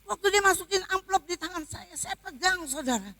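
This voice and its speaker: A woman's voice: extremely high pitch, fairly quick, no room sound. Woman pastor giving an emotional testimony. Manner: emotional storytelling, swings between loud and hushed. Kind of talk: sermon testimony. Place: church.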